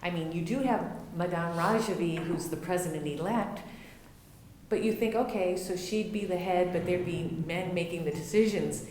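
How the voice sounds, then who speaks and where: Woman, interviewer, affirming, low-ish voice, faint rumble. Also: normal speed, a little mellow, echoey room. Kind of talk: conversational interview.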